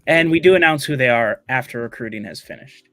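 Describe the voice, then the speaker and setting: A man's voice: mid-range voice, brisk, dry recording, soft background music. Casual man hosting a live stream. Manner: relaxed, joking, many fillers. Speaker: host.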